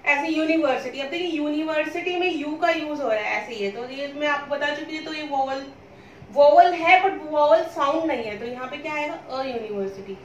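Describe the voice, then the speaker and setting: Bright-voiced woman teaching in an echoey room. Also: high-pitched, fairly quick, slight background noise. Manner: repetitive questioning, answers her own questions. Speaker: English teacher. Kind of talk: classroom-style lesson explanation. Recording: roomy echo, speaking from a distance.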